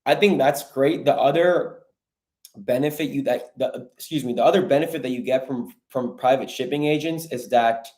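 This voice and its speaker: A man with a mid-range, slightly mellow voice talks at a normal speed while hosting a livestream. He answers viewer questions in a relaxed coaching style, calling his audience "bro" and "guys" as he advises online sellers in a casual live Q&A.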